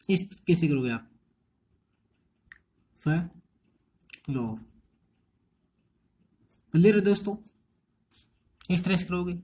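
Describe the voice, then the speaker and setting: A man's voice: high-pitched, a little mellow. An Indian man teaching an English transcription lesson, quizzing students with repeated rhetorical questions. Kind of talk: exam-prep lecture.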